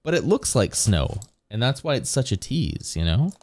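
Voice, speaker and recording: A man's voice: mid-range voice, very animated, normal speed, dry recording. A man streaming live, chatting casually and rambling with his viewers, chuckling often as he goes.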